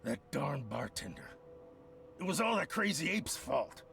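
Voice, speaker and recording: A man's voice: on the high side, wildly swooping pitch, unhurried, creaky, bright, forceful tone, faint music behind, heavily acted. An actor playing an agitated, petulant man in a video game, blustering and exasperated. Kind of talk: video game character acting.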